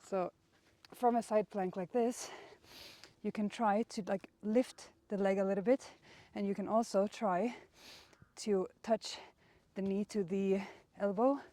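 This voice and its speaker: Warm in tone and a little slow, this young woman speaks at a medium pitch with a steady delivery. English isn't her first language, and she chats casually and encouragingly while leading a workout outdoors as its instructor and host. No room sound is audible.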